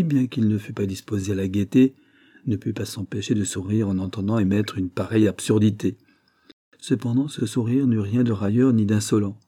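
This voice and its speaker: A man narrating a classic novel in an audiobook with a measured, even delivery. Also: fairly low pitch, breathy edge. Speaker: audiobook reader.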